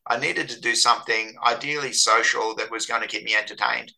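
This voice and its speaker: A man's voice: medium pitch, steady tone, fairly quick, gravelly, sharp tone, low-quality recording. An Australian man with a slightly Americanized accent, chatting casually as a guest, full of fillers and restarts. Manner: hesitant, many fillers and restarts. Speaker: interview guest. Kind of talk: casual conversation.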